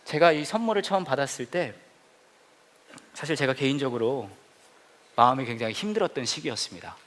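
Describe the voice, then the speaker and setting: A man preaching a humorous sermon as a pastor, telling stories playfully with sudden loud exclamations, in a church hall. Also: medium pitch, expressive, a little fast. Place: church hall with a laughing congregation.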